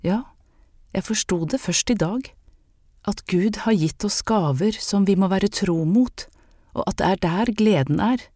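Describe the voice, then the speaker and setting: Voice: medium pitch, mellow, no echo, clean studio sound, voice pushed up, lightly acted. A narrator voicing Anne, an anxious young maid with a secret healing gift, speaking earnestly and hesitantly in an audiobook. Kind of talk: audiobook character reading.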